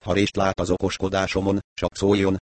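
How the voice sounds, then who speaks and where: Man voicing a calm, shrewd detective. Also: low voice, no room sound, close to an everyday voice. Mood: calm reasoning. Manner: patient, mildly mocking reasoning.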